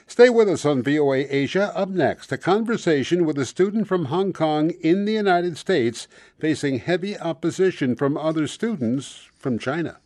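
A man reading the news as anchor in a measured, formal delivery. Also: fairly high pitch, animated, darkish tone, dry recording. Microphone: studio microphone.

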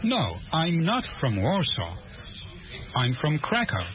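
A man playing a polite young male student from Poland, speaking slow, careful English in a scripted language-course dialogue. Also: a little high, huge pitch swings, exaggerated voice. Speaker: student interviewed for a news report. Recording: muffled lo-fi studio recording.

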